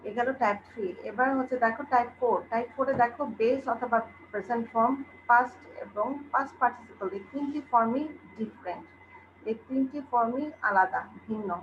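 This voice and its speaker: A fairly high-pitched woman with a Bangladeshi accent teaches an online English class. She drills verb forms slowly and one by one, then explains patiently. The recording sounds dull and lo-fi, with a faint hiss under her voice.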